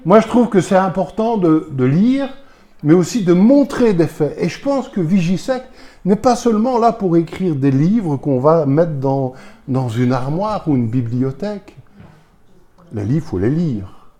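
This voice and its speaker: On the high side, expressive and dark in tone, his voice moves at an unhurried pace. The man, a pastor with a Belgian French accent, pushes his listeners with pointed rhetorical questions, preaching emphatically.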